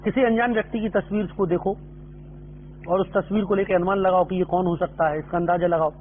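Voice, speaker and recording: A middle-aged man lectures on acting in a patient, explaining way, dropping English terms into his talk. His voice sits high for a man. The sound is narrow and phone-like, with a faint hum behind it. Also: fairly even intonation, fairly quick. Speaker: drama lecturer. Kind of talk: spoken lecture. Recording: tinny phone-line audio with faint hum.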